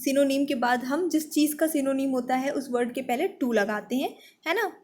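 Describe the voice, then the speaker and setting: A woman with a high, bright voice teaching an online exam-prep class. She fires quick quiz questions at her students and explains each answer step by step. She reads each question aloud slowly and deliberately. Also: slight background noise. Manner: brisk, quizzing, step-by-step explaining.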